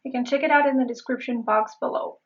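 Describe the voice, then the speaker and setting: A woman accent coach giving a pronunciation lesson. She speaks deliberately and repeats words again and again to show how they sound. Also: sits high, fairly even intonation, muffled recording.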